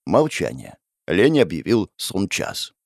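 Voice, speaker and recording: Expressive male audiobook narrator. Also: low-pitched, slow, dry recording, studio quality. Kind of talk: first-person fantasy audiobook narration.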